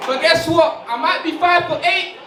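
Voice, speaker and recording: High-voiced young comedian on stage. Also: male voice, normal speed, recorded from a distance. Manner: playful, laughing, shouting to the crowd. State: a bit tipsy. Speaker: stand-up comedian. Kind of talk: stand-up comedy set. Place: stage in a large hall with audience. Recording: echoey hall, mic picked up from afar, loud crowd. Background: audience laughter and cheers.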